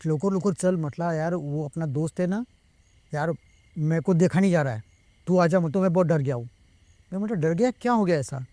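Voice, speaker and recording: Male guest storyteller, slightly high voice, mellow timbre, close dry recording. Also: dry recording. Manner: retells the talk of others himself, slipping between Marathi and Hindi. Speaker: guest telling a true ghost story. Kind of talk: casual storytelling.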